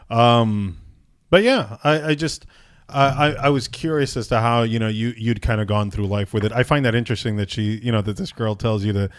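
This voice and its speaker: A man's voice: on the low side, no echo, studio quality. A man from Puerto Rico hosting a podcast, chatting casually with lots of restarts and fillers. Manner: halting, many restarts and fillers. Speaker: podcast host.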